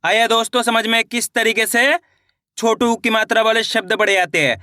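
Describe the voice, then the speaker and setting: A male teacher slowly sounds out Hindi words syllable by syllable for a reading lesson, and speaks more briskly when he explains. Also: very high-pitched, fairly even intonation, bright, forceful tone, smooth, dry recording, studio quality.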